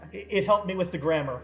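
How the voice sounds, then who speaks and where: A man hosting a livestream in a relaxed, joking way, laughing often. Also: sits high, moderate pace, over music. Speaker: livestream host. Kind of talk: casual livestream chat.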